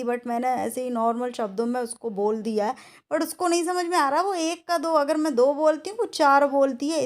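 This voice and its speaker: A woman's voice: sits high, darkish tone. A middle-aged woman vlogger talking straight to camera, indignant and scolding as she defends her daughter. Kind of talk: angry vlog monologue.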